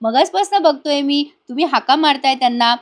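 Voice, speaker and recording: A woman's voice: high-pitched, fairly quick, natural voice. A woman playing a stern male contest official. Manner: firm, reproving.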